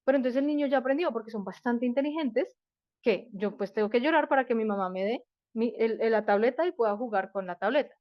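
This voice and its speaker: A woman's voice: on the high side, fast talker, no room sound. A woman presenting a live parenting workshop, explaining step by step and often checking in with rhetorical questions. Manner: explanatory, asks rhetorical questions, many fillers. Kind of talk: live online workshop talk. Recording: dull dry lo-fi sound.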